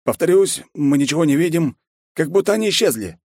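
Man doing a jittery deferential general, pitched up, strained, audiobook. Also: animated, brisk, darkish tone, dry recording, studio quality. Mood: nervous. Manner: anxious, deferential, reporting. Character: stout middle-aged general, nervous, servile.

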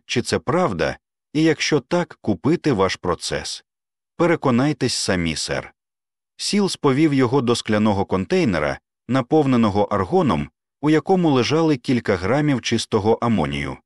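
A man's voice: mid-range voice, no echo, studio quality. A man reading a story aloud as an audiobook narrator, voicing every character himself. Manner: reads every character in his own voice, lively intonation. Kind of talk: scripted narration.

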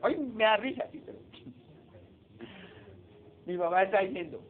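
Here a man with a high-pitched, expressive voice preaches a little slowly, chatting with his congregation and frequently asking them questions. He's a pastor, captured on a tinny, phone-like recording with faint noise.

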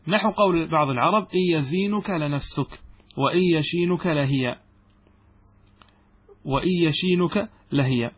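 Male grammar teacher, lecture style, somewhat high and husky, methodical and question-driven. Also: moderate pace, pauses often. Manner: explains step by step, asks the students questions and answers them himself. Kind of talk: classroom lecture.

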